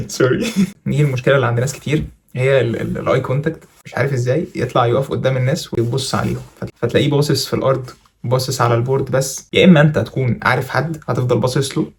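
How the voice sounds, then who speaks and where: Egyptian male vlogger, middle pitch, rattles off tips at high speed with easy jokes. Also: vocal fry. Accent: Egyptian Arabic. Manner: rapid, chatty, jokey coaching. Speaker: content creator giving presentation tips. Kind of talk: casual tutorial vlog.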